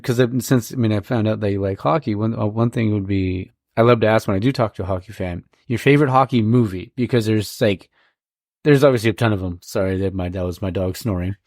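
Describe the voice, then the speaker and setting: A man's voice: lowish voice, fast talker, darkish tone, no echo, clean studio sound. A man hosting a podcast in casual chat, rambling and enthusiastic, full of fillers. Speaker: podcast host.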